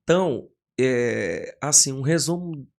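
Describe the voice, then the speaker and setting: Man, pastor, podcast guest, animated storytelling, mid-pitched voice, studio mic. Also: slow, vocal fry. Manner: animated storyteller who acts out quoted voices. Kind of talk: casual podcast conversation.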